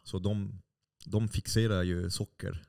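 Gravelly low man. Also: flat delivery, a little mellow. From France. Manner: passionate, explaining at length with many restarts. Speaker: podcast host and baker. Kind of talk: casual podcast conversation.

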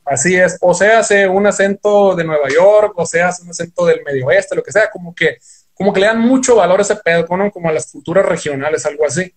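A man's voice: high-pitched, a little fast. A young man with a northern Mexican accent from Sonora, a guest guitarist telling stories in rambling slang full of swearing. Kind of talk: casual podcast chat.

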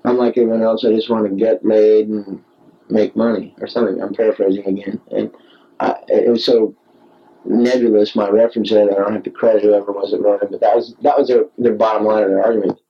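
A man's voice: fairly low pitch, level tone, fast, slightly rough. A man recorded on a tape recorder like a dictaphone, rambling alone late at night in a digressive, repetitive, self-mocking way. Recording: dull home tape recorder.

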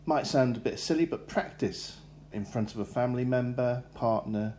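A man reading a measured, instructive careers advice segment for a podcast. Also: medium pitch, darkish tone, slight background noise. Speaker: careers adviser.

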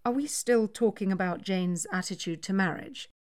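A woman's voice: mid-range voice, moderate pace, darkish tone, close to an everyday voice. A woman reading the part of a nervous young male tutor in an audiobook, earnest and slightly anxious.

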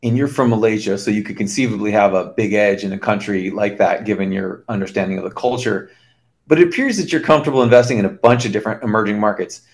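A male podcast host puts thoughtful questions to his guest. He sounds curious and a little halting. His voice sits on the low side. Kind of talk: interview questions.

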